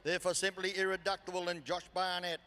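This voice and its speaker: A man's voice: high-pitched, flat delivery, a little fast, pushed and bright. A man with an Australian accent giving live campdraft commentary as an arena announcer over a PA. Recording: PA echoing through large arena.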